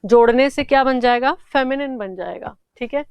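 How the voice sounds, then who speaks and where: A woman's voice: high-pitched, moderate pace, clean tone, dry recording, highs cut off. A woman teaching an English grammar lesson for exam prep, explaining step by step and answering her own questions.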